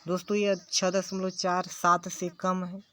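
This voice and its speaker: Slow, repetitive male teacher. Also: high-pitched, completely flat delivery, pushed and bright. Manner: repeats key phrases, checks in often. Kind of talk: slow classroom lecture.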